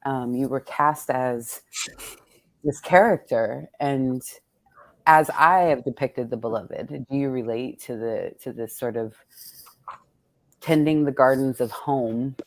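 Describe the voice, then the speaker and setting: A woman with a rumbling low voice takes her time as she hosts a poetry event with her readers. She muses aloud playfully and colloquially in casual, reflective conversation.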